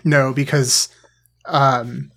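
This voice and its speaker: A man's voice: medium pitch, flat delivery, very slow, bright, forceful tone. A man hosting a podcast in casual chat, dry and teasing, rambling with plenty of fillers. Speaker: podcast host.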